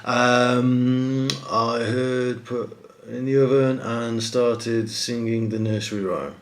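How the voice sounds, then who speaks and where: A man's voice: mid-range voice, fairly even intonation, slow, slight background noise. A middle-aged man, chatting casually on a live stream and answering comments, with lots of fillers and restarts. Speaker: host of a live stream for a prize-draw site.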